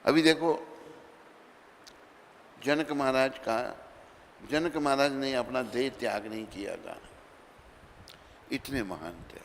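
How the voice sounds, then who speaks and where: A man delivers a storytelling sermon in a gravelly voice, voicing each character as he goes. He swings from loud to soft, and his words ring out in a long-echoing hall with a faint hiss behind. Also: medium pitch, takes it slowly, pauses often. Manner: dramatic storytelling, acting out dialogue with sudden loud and soft turns. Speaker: preacher. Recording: reverberant hall with faint background noise.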